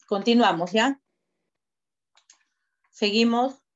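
Over a video call with dull, lo-fi audio, a woman teacher gives direct, corrective feedback on student work in an online class, laying out step-by-step instructions. Her voice is fairly high and she takes it slowly.

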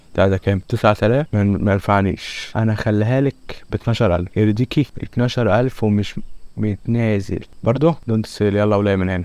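A young Egyptian man rattles off rapid let's-play commentary in a low voice. He jokes and bargains with the game's customers as he goes, his Egyptian Arabic accent plain throughout. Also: a little mellow, dry recording. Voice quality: joking, bantering with game customers. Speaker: gaming YouTuber.

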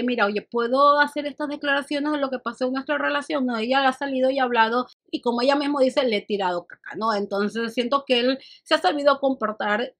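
A woman vlog host giving measured, analytical commentary and addressing her viewers directly. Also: a little high, fairly bright tone.

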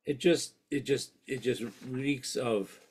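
Man presenter, reflective church talk, slow and earnest, mid pitch. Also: a little mellow, slightly rough. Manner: earnest, reads quotations aloud, with halting restarts. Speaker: speaker at a parish session.

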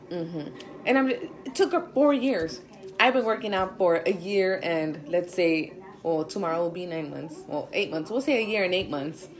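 Chatty, slangy woman with a lowish voice. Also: rough recording. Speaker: fitness instructor and realtor. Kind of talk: casual chat vlog.

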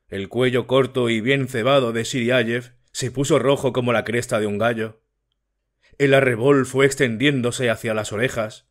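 A man narrating a classic short story for an audiobook in a measured, steady storytelling manner. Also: medium pitch. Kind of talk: scripted literary narration.

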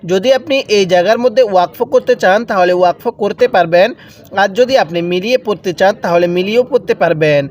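A man leads a step-by-step recitation lesson. His voice sits high for a man. He chants each word slowly and stretches it out, then explains the rules in a plain teaching tone. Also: a little mellow. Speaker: Quran reading teacher.

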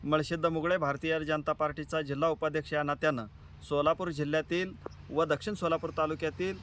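A man's voice: a little high, flat delivery, a little fast, fairly bright tone. A man speaking as a local party leader, making a formal, deferential public appeal. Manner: deferential, formal, honorific-laden. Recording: noisy outdoors with traffic ambience.

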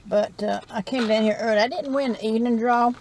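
A woman's voice: a little high, steady tone, fairly quick, a little mellow, slight background noise. A middle-aged woman with a Southern US accent, chatting in a rambling, folksy way as she eats in her parked car at night, recorded on a dashboard camera. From South Carolina. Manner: rambling, folksy, chats while eating. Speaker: vlogger. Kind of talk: casual chat.

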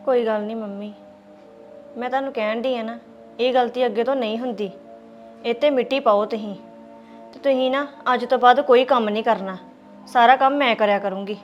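A woman plays an apologetic young daughter in a family drama. Her voice sits high and pleading, recorded dull and lo-fi, with faint music underneath. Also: steady tone, brisk, long pauses, close to an everyday voice.

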